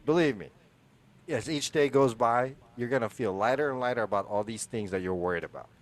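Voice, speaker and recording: A man in his forties from the Philippines co-hosts a podcast, talking at medium pitch and a fairly quick pace. He's casual and rambling, restarts often, and laughs a lot.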